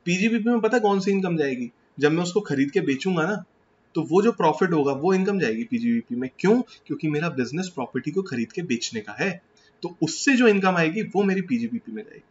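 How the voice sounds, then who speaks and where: A man with an Indian accent gives a classroom lecture on tax, his voice sitting a little high for a man. He switches freely between Hindi and English and keeps putting questions to the class before answering them himself. The recording is slightly dull, with faint noise underneath. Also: expressive, fairly quick.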